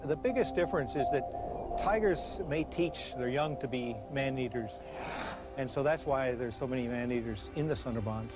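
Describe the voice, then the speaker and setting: A man's voice: medium pitch, normal speed, loud music behind the voice. A man giving plain, explanatory expert commentary in a documentary interview. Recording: loud ambient background noise.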